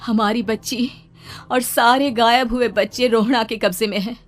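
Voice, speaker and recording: A woman voicing the calm spirit of a dead village wife in a cartoon story, with soft music behind. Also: fairly high pitch, normal speed, natural voice.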